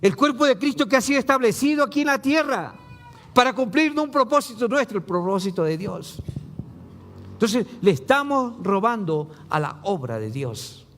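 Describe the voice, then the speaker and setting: Male pastor preaching, swooping expressive pitch, rhetorical questions, reverberant church hall. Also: normal speed. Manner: preacher quoting scripture with rising emphatic lines and dropping low endings; asks the congregation rhetorical questions. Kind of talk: sermon.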